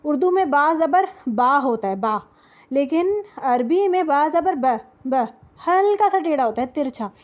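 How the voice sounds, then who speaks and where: A woman's voice: sits high, animated, few pauses. A woman teaching Quran recitation rules, explaining patiently and repeating sounds to demonstrate them. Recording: dull lo-fi audio.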